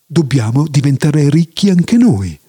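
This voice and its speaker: A man's voice: fairly high pitch, very animated, measured pace, mellow, husky, voice pushed down, heavily acted. A man voicing a pompous, foolish male village elder who speaks with dismissive self-assurance.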